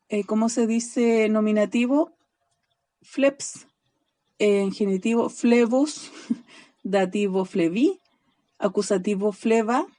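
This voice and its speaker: A woman teaching a recorded online class, patiently spelling out word endings and checking in with a quick "ya?" after nearly every line. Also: medium pitch, mellow. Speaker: Greek teacher.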